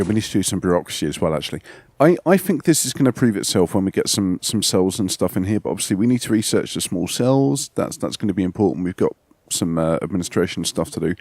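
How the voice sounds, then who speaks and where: A man's voice: lowish voice, darkish tone, no echo. A man with a sore throat giving rambling, casual gameplay commentary as a let's play host, repeating words and tagging lines with "okay?".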